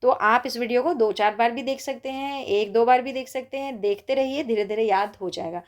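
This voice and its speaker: A woman's voice: on the high side, brisk. A woman, teaching an exam-prep lecture in an encouraging, conversational way as she reads lists aloud.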